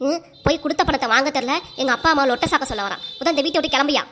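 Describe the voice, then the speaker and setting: A woman voicing an angry mother and wife in a cartoon, scolding sharply and without pause. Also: sits high, background noise, close to an everyday voice. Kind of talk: cartoon voice acting.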